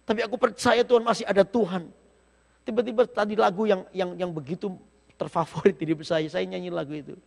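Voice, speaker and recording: A man preaching a sermon in speech, telling a personal story with emotion and lively rhetorical questions. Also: sits high, gravelly. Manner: emotional storytelling, sometimes breaks into slow song. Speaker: pastor. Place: church sanctuary. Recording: long reverb of a church hall.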